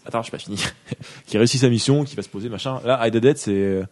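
A man in a casual chat, arguing his point with emphasis. He talks quickly, and his voice has a mellow, dark tone. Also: medium pitch.

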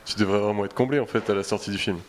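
A man's voice: fairly low pitch, steady tone, very fast. A man in a casual film discussion, speaking informally and often repeating words as he goes.

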